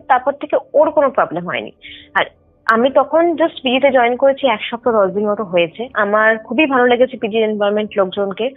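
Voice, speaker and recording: A young woman with a slightly high voice calls in to casually share a personal ghost experience, explaining details, mixing in English words and often using check-in tags. The phone line is tinny, with background music underneath.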